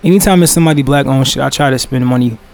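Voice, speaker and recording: A man's voice: mid-range voice, rapid-fire, vocal fry, a loud crowd. A man hosting a casual podcast with friends, talking in loose, slangy banter. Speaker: podcast host. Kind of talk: casual chat.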